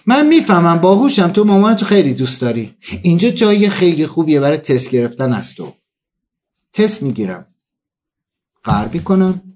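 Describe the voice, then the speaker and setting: A man delivering a comic storytelling monologue, acting out the people he quotes. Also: on the high side. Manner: animated, acts out quoted dialogue.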